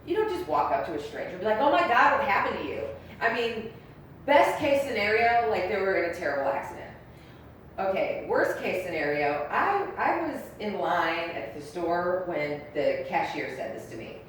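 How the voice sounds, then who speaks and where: Young woman comic, blunt and raunchy, slightly low voice, heard from far off in an echoey room with a faint rumble. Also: big pitch swings, moderate pace. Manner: blunt, crude and brash, with many ums and likes. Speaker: stand-up comedian. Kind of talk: stand-up set.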